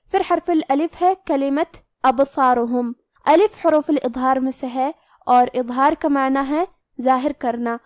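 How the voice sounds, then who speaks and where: A woman teaching the rules of Quran recitation, explaining each rule step by step and then reciting the word slowly. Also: sits high, a little mellow, dry recording, studio quality. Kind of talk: tajweed lesson, explaining letter rules.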